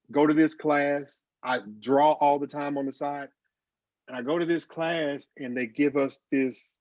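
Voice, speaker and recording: A man's voice: mid-range voice, dry recording. A man in his forties with a slight lisp, telling his story as a guest on a video call. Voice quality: slight lisp from dental aligners. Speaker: graphic designer, guest. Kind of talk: casual interview over video call. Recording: dull video call audio.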